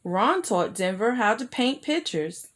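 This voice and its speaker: A woman on the high side of the pitch range reads a children's story a little slowly, performing as a storyteller with an expressive delivery that engages young listeners.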